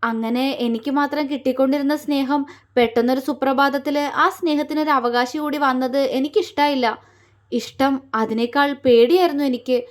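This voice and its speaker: A woman voicing a remorseful young woman in an audio story, speaking haltingly and pleadingly. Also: sits high, fairly even intonation, natural voice. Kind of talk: audiobook character reading.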